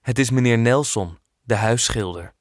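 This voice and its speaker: A man narrating a children's audiobook in a clear, expressive storytelling manner. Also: medium pitch, normal speed, dry recording, studio quality.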